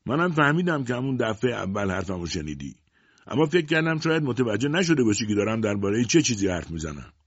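A man's voice: medium pitch, sing-song, slightly rough, dry recording, muffled recording. A man voicing a sly male shopkeeper who teases a customer in a raised, mocking voice.

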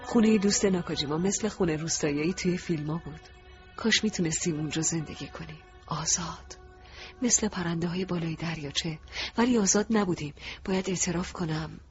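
A man narrating a first-person audiobook in a soft, reflective, emotive way. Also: fairly high pitch, music in the background. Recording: dull lo-fi recording.

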